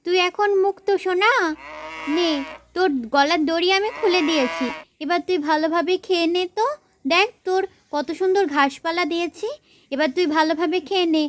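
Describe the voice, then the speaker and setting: A woman voicing a busy young village mother who coaxes and calls out again and again. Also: very high-pitched. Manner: coaxing, chatty, calls out repeatedly.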